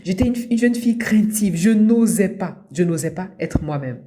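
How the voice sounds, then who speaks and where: A middle-aged woman from Abidjan, Ivory Coast, who coaches personal development and hosts a podcast, gives a motivational talk at normal speed. Her voice is lowish, expressive and dark-toned, and she repeats key points in a didactic style. The recording has a little hiss or hum.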